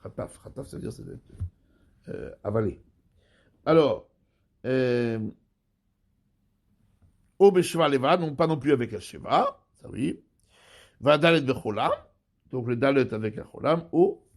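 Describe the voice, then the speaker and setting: A man, a rabbi giving a Torah study lesson, explaining slowly and repeating and rephrasing terms. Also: medium pitch, a little mellow.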